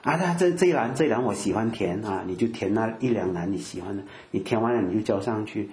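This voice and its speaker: Older man preaching, low voice. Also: expressive, fast, darkish tone, echoey room. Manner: conversational, lots of filler particles, acts out quotes. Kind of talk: sermon.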